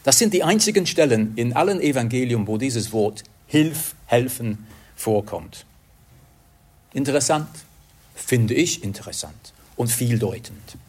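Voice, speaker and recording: Slow, husky-voiced male preacher. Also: mid-range voice, very animated. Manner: slow, earnest, searching for words at times. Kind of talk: sermon.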